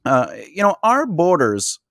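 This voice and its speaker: A man hosting and moderating a roundtable talk show, joking with his guests and now and then putting on a deep radio voice. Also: huge pitch swings, unhurried, dry recording. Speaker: host and moderator. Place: small studio set with a table and backdrop.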